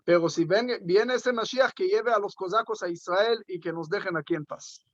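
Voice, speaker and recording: A man's voice: high-pitched, normal speed, dry recording, lo-fi sound, close to an everyday voice. A man voicing a simple, worldly peasant farmer in a told story, with a blunt, down-to-earth manner.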